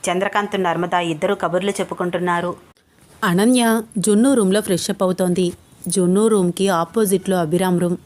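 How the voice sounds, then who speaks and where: A woman narrating a romantic audio story in a steady, expressive reading. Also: lowish voice, a little fast.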